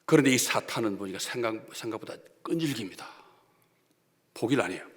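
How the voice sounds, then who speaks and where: A male pastor with a Gyeongsang Korean accent delivers a sermon, swinging sharply from loud declarations to near-whispered asides. His pitch leaps up and down with lively intonation as he presses each point, a little fast, and a long church-sanctuary reverb trails his voice.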